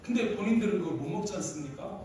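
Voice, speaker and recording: A male pastor preaches with lots of storytelling and frequently calls on the congregation for a reply. His voice sits high and swings widely in pitch. He is heard from some way off in a very echoey sanctuary with a faint hiss. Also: expressive, fast, dark tone. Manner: storytelling, often asking the congregation for replies. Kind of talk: sermon. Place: church sanctuary. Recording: echoey hall from far off.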